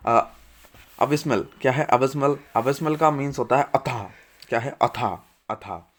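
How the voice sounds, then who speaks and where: A man's voice: mid-range voice, moderate pace. A young man teaching English vocabulary in Hindi, repeating each word and asking the class quiz-style questions. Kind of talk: vocabulary lesson.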